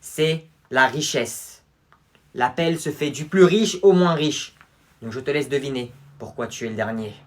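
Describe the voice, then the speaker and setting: A man voicing a stern male teacher who lectures slowly and deliberately. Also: medium pitch, close to an everyday voice.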